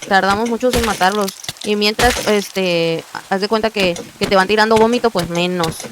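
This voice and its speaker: A woman's voice: medium pitch, moderate pace, background noise. A woman giving casual gameplay commentary, chatty and often murmuring to herself. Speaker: gaming video creator.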